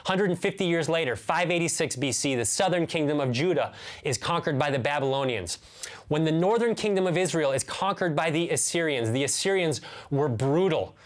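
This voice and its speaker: With a lively, somewhat high voice and a fairly quick pace, an American pastor in his thirties gives a sermon to camera. He's indoors in a small bookshelf-lined room, preaching earnestly and emphatically, with repeated key phrases and rhetorical questions.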